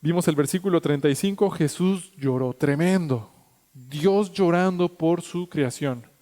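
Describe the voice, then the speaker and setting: High-voiced pastor preaching. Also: male voice, a little slow, dark tone. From Mexico. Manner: emphatic preaching, rising pitch and volume at high points. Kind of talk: sermon. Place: church sanctuary. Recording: echoey church hall.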